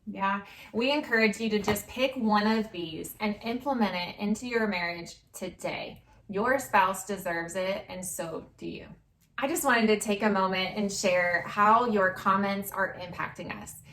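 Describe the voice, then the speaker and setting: Bright, upbeat female co-host. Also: mid-range voice, measured pace, echoey room, poor audio. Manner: warm, upbeat, grateful. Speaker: marriage channel co-host. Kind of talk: casual chat.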